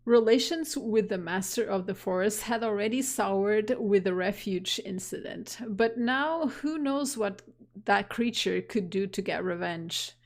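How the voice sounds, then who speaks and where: A woman streamer reading a text adventure aloud, taking her time over each line. Her voice is going, with throat-clearing strain underneath. Her pitch sits in an ordinary middle range. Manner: slow, deliberate reading, laughs at oddities. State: losing her voice.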